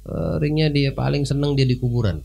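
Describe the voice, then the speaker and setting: A man giving an informal sermon, telling a story in a lively conversational way. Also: medium pitch, a little fast, vocal fry, slightly rough, soft background music. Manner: lively, conversational, with sudden rises. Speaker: preacher.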